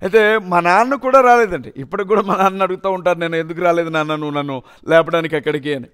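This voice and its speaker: A man with a noticeably high voice giving a personal testimony. He tells his story earnestly and with deep emotion. He sounds like a young adult. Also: fairly even intonation, fast, fairly bright tone, clear, resonant tone. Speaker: testimony speaker.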